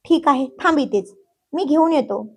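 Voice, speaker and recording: A woman's voice: high-pitched, animated, moderate pace, a little mellow. A woman voicing an exasperated young man who scolds and teases, still patient underneath. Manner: scolding, teasing.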